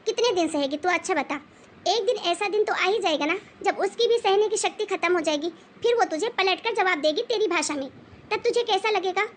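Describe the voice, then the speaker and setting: A woman voicing a stern, wise old grandmother-in-law who scolds and lectures firmly in an animated moral story. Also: very high-pitched, a little hiss or hum. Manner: scolding, preachy and firm.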